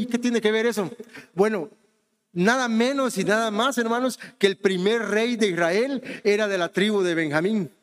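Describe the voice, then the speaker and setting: In a large hall, a man from Honduras with a high voice delivers a sermon in a conversational style. He frequently addresses the congregation with questions like "¿verdad?" and calls them "hermanos."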